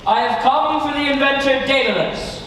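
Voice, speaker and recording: Very high-pitched pompous king. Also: bright, forceful tone. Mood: imperious. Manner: imperious, drawn-out. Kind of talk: comic stage play acting. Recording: echoey noisy hall, far from microphone.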